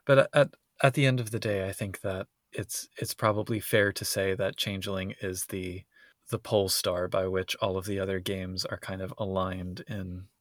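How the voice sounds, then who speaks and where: Guy with a lowish voice just chatting on a podcast, really dry closet sound. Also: steady tone, normal speed, no echo. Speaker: podcast co-host. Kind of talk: casual conversational podcast chat. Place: inside a closet at home.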